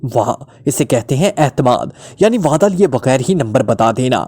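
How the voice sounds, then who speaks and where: A man's voice: medium pitch, lively intonation, moderate pace, mellow, lightly acted. A man as a breezy joking detective. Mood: mock-serious. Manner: breezy, mocking, teasing. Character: flippant, joking male detective, unflappable.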